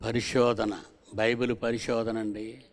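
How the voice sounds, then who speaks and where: A man's voice: medium pitch, little pitch movement, measured pace, creaky. A man preaching a sermon at a gospel convention. He repeats his phrases and questions the audience directly.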